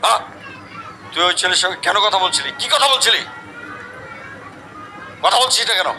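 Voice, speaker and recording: A man's voice: sits high, lively intonation, moderate pace, crowd noise, noisy background. An actor playing an angry middle-aged father who scolds and threatens, over background music. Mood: furious. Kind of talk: comic drama acting.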